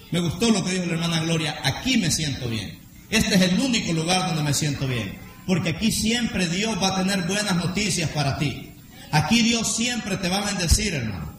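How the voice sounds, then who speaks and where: A high-pitched man preaching a fervent sermon in a church hall, his voice ringing through heavy echo. He shouts out key lines and has the congregation repeat after him. Faint background noise sits under the recording. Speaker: pastor.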